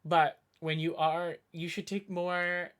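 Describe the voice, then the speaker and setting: A woman from the suburbs outside Boston speaks slowly, with a fairly low pitch, a level tone and a light Boston accent. She chats casually with her stream chat, rambling through restarts.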